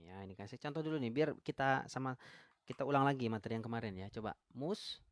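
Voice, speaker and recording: A man's voice: medium pitch, fast talker, no echo. A man with an Indonesian accent teaching Quran recitation rules on a live stream. He asks viewers questions and reads out their comments. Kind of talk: live-stream tajwid lesson. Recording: live stream, dry close mic.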